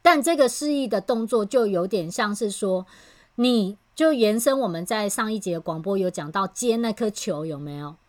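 A woman hosts a podcast as a communication trainer. She talks in easy, casual chat, explaining her points patiently and bringing her stories to life with animated retelling. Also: medium pitch, normal speed.

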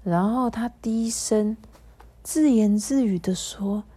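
A mother reading a storybook aloud to her child, animated and coaxing, pausing to ask questions. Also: on the high side, slightly rough.

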